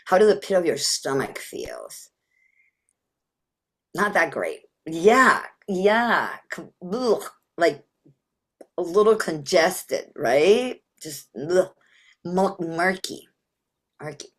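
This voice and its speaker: A woman's voice: lowish voice, big pitch swings, slow pace, long pauses. A woman giving a playful motivational talk as a mindset coach, laughing often and slipping into childlike voices.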